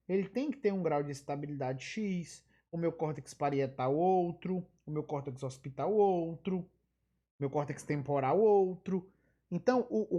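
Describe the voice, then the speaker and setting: Woman teaching a live physiology class, lowish voice, repeats terms a lot, asks rhetorical questions. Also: mellow. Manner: explanatory, repeats key terms, wanders into asides. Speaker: physiology lecturer. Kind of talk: live online lecture.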